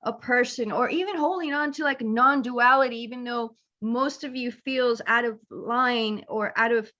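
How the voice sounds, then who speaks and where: Woman, casual conversation, rambling and animated, fairly high voice, slightly dull sound. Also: normal speed. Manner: rambling, laughing, animated quoting. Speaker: guest.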